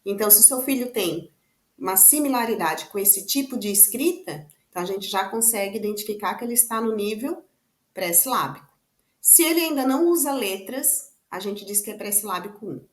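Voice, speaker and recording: A woman's voice: medium pitch, expressive, a little fast, echoey room. A woman with a Brazilian Portuguese accent explains children's writing stages to parents in a conversational way, often adding tag questions. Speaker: literacy teacher. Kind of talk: explaining to parents with on-screen examples.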